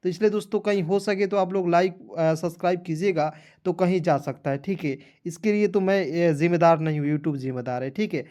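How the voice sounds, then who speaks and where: A man's voice: sits high, a little mellow. A man giving a spoken online lesson on English pronunciation. He spells words out letter by letter and keeps checking in with his viewers as friends. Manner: addresses viewers as friends, with frequent filler checks; spells letters out slowly one by one.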